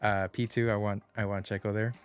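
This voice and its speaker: A man's voice: lowish voice, level tone, a little fast, clean tone, soft background music. A man co-hosting a podcast, chatting casually and joking with his co-host. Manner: laid-back, joking, teasing. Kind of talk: casual chat.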